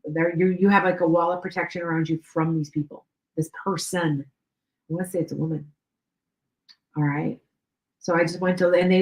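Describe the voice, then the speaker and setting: Her voice sits on the low side, echoing around the room she records in. This middle-aged psychic medium, with a mix of Chicago and Wisconsin in her accent, gives live-stream readings in a chatty way, circling back over points and frequently asking if she's making sense.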